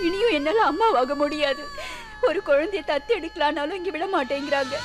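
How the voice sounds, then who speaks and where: An actress playing a grief-stricken young wife, crying as she talks, in a TV serial drama. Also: very high voice.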